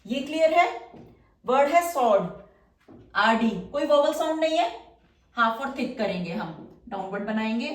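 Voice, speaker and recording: Higher-voiced woman teaching a lesson. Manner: patient, explains slowly, checks if students follow. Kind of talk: step-by-step classroom lesson.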